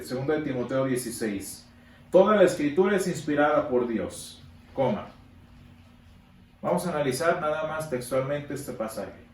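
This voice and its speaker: A man teaching a Sunday school Bible class, emphatic, repeating words for stress and pausing on fillers. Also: a little high, a little mellow. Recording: echoey room from a distance, faint background noise.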